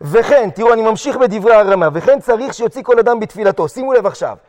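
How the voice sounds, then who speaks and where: A man teaching a halakha lesson to yeshiva students, animated, often questioning the class and acting out short quotes. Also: high voice, long reverb tail.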